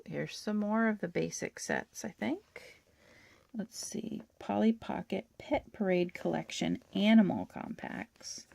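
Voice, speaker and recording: A woman hosting a toy-collecting channel, chatting and gushing through a catalog in a hoarse voice. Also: fairly low pitch, dark tone, slight background noise. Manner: chatty, gushing, with little laughs. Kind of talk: casual show-and-tell of a toy catalog.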